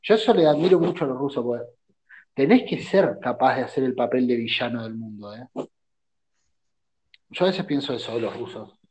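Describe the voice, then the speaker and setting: A man's voice: mid-range voice, a little fast, long pauses, darkish tone, slight background noise. A man with an Argentine Spanish accent, bantering and joking in a casual chat. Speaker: podcast co-host. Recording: dull lo-fi audio.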